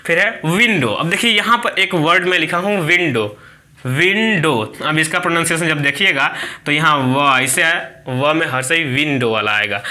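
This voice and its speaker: A man's voice: sits high, bright, forceful tone. A man teaching a grammar lesson, explaining step by step and answering his own questions.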